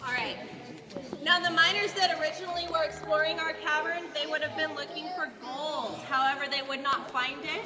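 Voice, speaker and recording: A woman's voice: high voice, steady tone, fairly quick, over a noisy crowd, very noisy. A woman working as a tour guide, giving jokey, folksy commentary to a group in an echoing cave. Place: inside a large underground cavern. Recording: echoey cave reverb, music behind.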